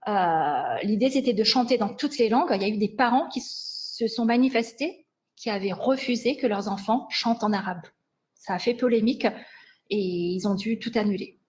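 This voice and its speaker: A woman's voice: mid-range voice, moderate pace. A woman giving a lecture with slides on language sciences, speaking hesitantly and often restarting and correcting herself.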